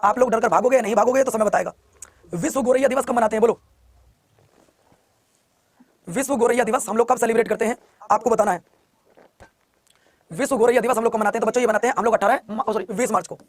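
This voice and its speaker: With no room sound in the recording, a man with a strikingly high voice that carries a certain flavor teaches a live online exam class at breakneck speed. He says each question several times over and keeps coaxing students to answer quickly.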